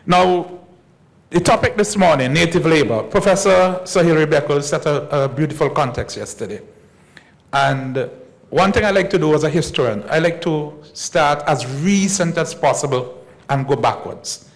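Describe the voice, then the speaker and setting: A man lectures as a historian at a conference. His voice sits a touch high, with a gravelly edge. He speaks in a measured way and repeats key points slowly. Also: animated, rough recording. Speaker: historian giving a conference talk. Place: conference hall.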